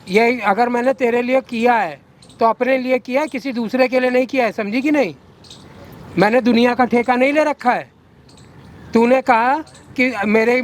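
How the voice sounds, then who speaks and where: A man playing a bossy, coercive older widower. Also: very high-pitched. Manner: domineering, ordering about. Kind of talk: short-film drama acting.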